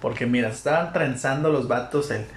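A man's voice: mid-range voice, brisk. A young man with a Mexican Spanish accent co-hosting a casual podcast, laughing often and retelling scenes with lots of slang. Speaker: podcast co-host. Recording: roomy room with faint background noise.

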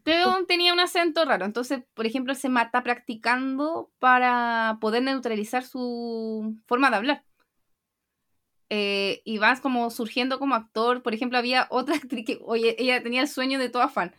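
High-voiced chilean woman chatting. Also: normal speed. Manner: animated storytelling, acting out quotes. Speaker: podcast co-host. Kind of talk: casual chat.

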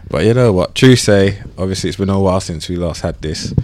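Deep-voiced London roadman in casual banter. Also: brisk, dry recording. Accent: London, urban roadman slang style. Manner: playful, animated, slangy. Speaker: podcast co-host.

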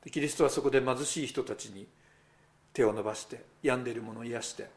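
A man's voice: mid-range voice, fast. A male pastor giving a sermon in a conversational way. He speaks straight to the congregation with rhetorical asides.

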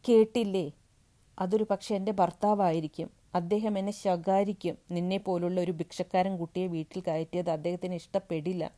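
A woman's voice: lowish voice, steady tone, fairly quick, natural voice. A woman voicing an anxious wife in her forties who pleads and then turns furious, in a read-aloud story. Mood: alarmed. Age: 40s. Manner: pleading, rising to shouts.

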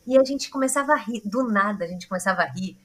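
A woman's voice: mid-range voice, lively intonation, fast talker. A woman with a Brazilian Portuguese accent hosting a podcast, chatty and rambling in casual conversation. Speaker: podcast host.

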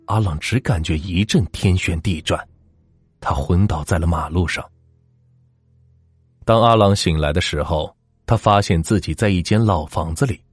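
Deep, husky male storyteller with lively delivery and faint music behind. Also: no room sound. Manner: dramatic, suspenseful narration. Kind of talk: scripted ghost-story narration.

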